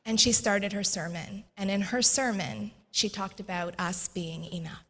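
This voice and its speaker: A woman sharing a personal faith testimony in a church interview, earnest and animated, laughing often as she tells it. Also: medium pitch, measured pace. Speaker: guest sharing her testimony. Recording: long echoey reverb.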